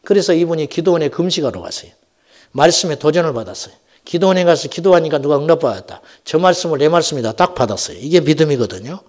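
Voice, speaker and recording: A middle-aged man preaching a Friday night sermon as senior pastor, telling folksy stories and swinging from loud exhortation to hushed asides. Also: on the high side, fast. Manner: animated, swings between shouting and near-whispering asides; folksy storytelling with acted quotes. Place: church sanctuary.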